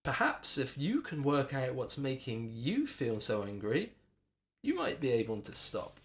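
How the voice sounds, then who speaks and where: A man's voice: mid-range voice, big pitch swings, unhurried. A man voicing an earnest young girl. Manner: earnest, pleading then firm. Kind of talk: storybook reading.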